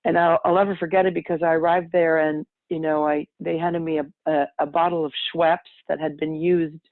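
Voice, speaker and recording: Speaking a little fast with a low voice and little pitch movement, a middle-aged woman whose first language is French shares her personal story as a guest on a podcast. She wanders reflectively and keeps fixing her sentences partway through. The sound is dry and tinny, like a phone line, with no room sound.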